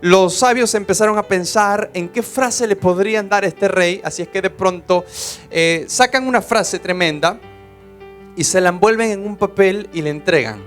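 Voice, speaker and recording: Hombre predicando con voz aguda y apasionada. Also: male voice, sits high, moderate pace, soft background music. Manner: passionate preaching, swings between soft and loud. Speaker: pastor. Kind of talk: sermon.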